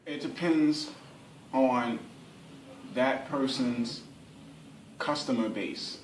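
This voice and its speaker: This workshop instructor, an advertising specialist, speaks extremely slowly in a medium-pitched voice, conversationally repeating phrases for emphasis and acting out hypothetical examples. He's in an indoor room at a radio station, and the roomy, echoey recording carries a little hiss or hum.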